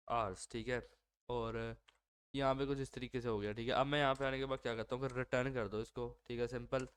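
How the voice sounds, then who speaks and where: Speaking in a smooth mid-range voice, this man walks through his code on a screen recording, casually reasoning aloud despite a sore throat. He uses lots of fillers and keeps correcting himself.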